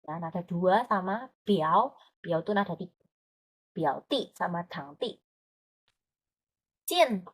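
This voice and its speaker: A woman's voice: fairly low pitch, expressive, slow, pauses often, husky. Patient woman teaching Mandarin. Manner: explains patiently, often asks checking questions. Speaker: Mandarin tutor. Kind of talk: online language lesson.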